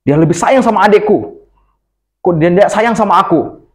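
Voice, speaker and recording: A man voicing a jealous, angry young man in a storybook telling, complaining in a high, whiny voice. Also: steady tone, a little slow, darkish tone, close to an everyday voice. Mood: angry whining.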